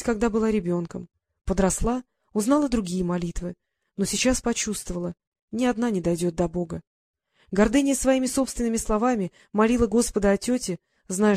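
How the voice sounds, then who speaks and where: A woman reading a romance novel aloud as an audiobook narrator, measured, lightly voicing the characters' lines. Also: medium pitch, mellow, no echo, clean studio sound.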